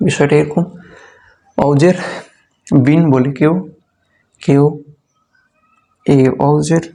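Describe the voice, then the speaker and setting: A man teaching beginners to read, slowly and patiently repeating letter sounds in a drilled lesson. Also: a little high, fairly even intonation, gravelly, mellow. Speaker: Quran reading teacher.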